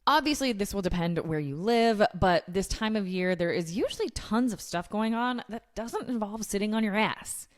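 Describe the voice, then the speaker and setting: A woman's voice: mid-range voice, expressive, normal speed, hardly any pauses. Casual, blunt woman podcaster giving advice. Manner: casual, blunt, swearing freely. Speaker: podcast host giving fitness and nutrition tips. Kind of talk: scripted solo podcast advice with casual asides.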